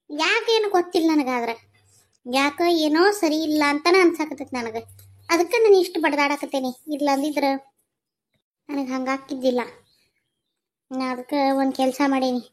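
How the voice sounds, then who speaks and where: A woman's voice: high-pitched, lightly acted. A woman with a North Karnataka Kannada accent voicing a worried, protective village mother who frets and laments in a cartoon. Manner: fretful, lamenting. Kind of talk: cartoon voice acting.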